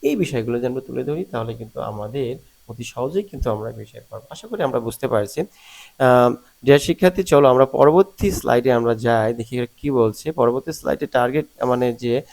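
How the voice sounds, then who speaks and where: Teacher explaining lesson slides, lots of fillers. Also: male voice, mid-range voice, lively intonation, brisk, gravelly, a little mellow. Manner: explains step by step, switching between Bengali and read-out English with many fillers; demonstrates rising and falling intonation on example questions. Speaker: English teacher. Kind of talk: slide-based video lesson for students.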